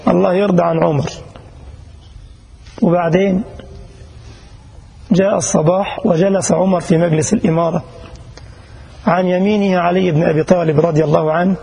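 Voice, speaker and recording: A man's voice: high voice, steady tone, normal speed, vocal fry, long pauses, warm tone, slightly rough. A man preaching in Egyptian Arabic, telling the story with dramatic passion and colloquial asides. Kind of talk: sermon storytelling.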